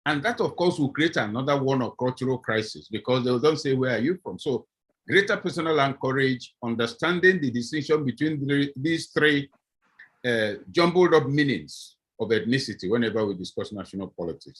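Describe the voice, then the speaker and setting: This middle-aged professor, from southeast Nigeria with a Nigerian accent, talks fairly quickly in a mid-range, slightly rough voice. Appearing on a video-call panel, he argues with animation and acts out little scenes.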